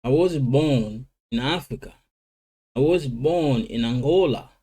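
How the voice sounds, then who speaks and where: Man, Lingala speaker, beginner English lesson, slow word drilling, mellow tone. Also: medium pitch, slightly rough. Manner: switches between languages, slow drilling of English words. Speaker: language teacher. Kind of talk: informal vocabulary lesson.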